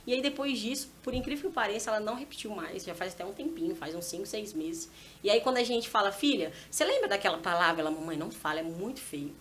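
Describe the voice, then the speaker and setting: A woman in her thirties, a mother telling a lively personal story as a podcast guest and acting out her conversations with her small daughter. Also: medium pitch, fast talker. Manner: animated, acts out dialogue with her child. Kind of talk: casual storytelling testimony. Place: church podcast setting.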